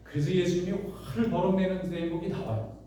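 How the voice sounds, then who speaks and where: A man's voice: high voice, fairly even intonation, fairly quick, warm tone. A man who pastors a church, preaching a sermon in a conversational storytelling way with many rhetorical questions. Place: church sanctuary. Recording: echoey church hall, voice from a distance.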